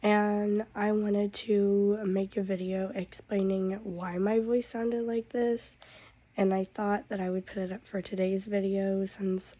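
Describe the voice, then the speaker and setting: A woman vlogger with a hoarse, worn-out voice from a cold, talking in a weary, drawn-out way. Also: medium pitch, level tone, dark tone, no room sound. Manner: drawn-out, weary talk with a cough. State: hoarse from losing her voice; stuffed up with a cold. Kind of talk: casual vlog update.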